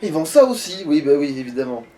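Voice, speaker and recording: A man's voice: a little high, very animated, fast talker, dark tone. A man hosting a casual let's-play, chatting crudely and swearing as he plays. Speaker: gaming video host, playing. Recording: faint background noise.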